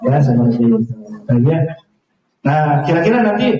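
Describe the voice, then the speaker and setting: Man, Quran teacher, high mellow voice, patient questioning, heard from far away, very echoey hall. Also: very animated, normal speed, faint music behind. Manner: patient, asks the class questions and models Arabic sounds. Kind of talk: Quran recitation lesson to adults. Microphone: far from the mic. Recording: very echoey, distant hall recording.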